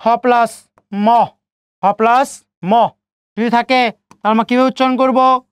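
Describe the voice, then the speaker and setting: A male teacher giving an exam-prep lecture, repeating key points slowly and asking questions that he answers himself. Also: extremely high pitch, fairly even intonation, a bit bright, smooth, dry recording. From Bangladesh. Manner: asks students rhetorical questions and answers them himself.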